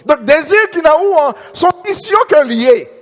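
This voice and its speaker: A man's voice: very high-pitched, expressive, a little slow, in a large hall. A man with a Haitian Creole accent preaching a sermon as pastor, repeating phrases and calling out amen. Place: church.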